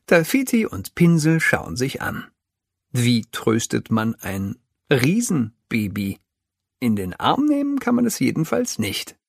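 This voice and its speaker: A man narrating a children's audiobook, telling the story slowly and with life. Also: medium pitch, creaky, no room sound, clean studio sound. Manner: slow, lively storytelling.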